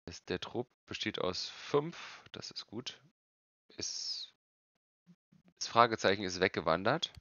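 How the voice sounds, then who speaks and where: A man's voice: lowish voice, expressive, takes it slowly, long pauses, sharp tone, dry recording. A man in his thirties giving casual game commentary, muttering short phrases to himself, with slightly muffled sound. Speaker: game streamer.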